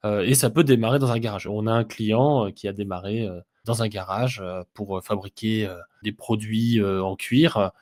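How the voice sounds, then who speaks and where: A man co-hosting a business podcast, explaining things steadily and pausing often with filler sounds. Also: on the low side, darkish tone. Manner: hesitant, many "heu" fillers, explanatory. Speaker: podcast co-host, business software consultant. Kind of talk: casual business podcast discussion.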